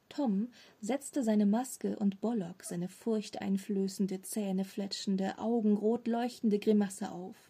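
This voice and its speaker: A woman narrating a children's audiobook in a steady storytelling voice. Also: fairly high pitch, breathy edge. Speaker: audiobook reader.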